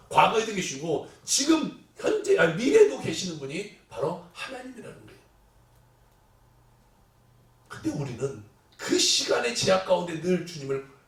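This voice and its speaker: A male pastor preaches in a high, animated voice that swings widely in pitch, acting out the voices he quotes. He is heard from a little off the mic in an echoey church sanctuary. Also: far from the mic. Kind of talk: sermon.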